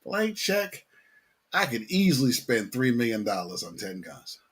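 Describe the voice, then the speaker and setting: Man, husky voice, laid-back, slangy, casual chat, repeats phrases. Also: medium pitch, very animated, a little slow, a bit bright.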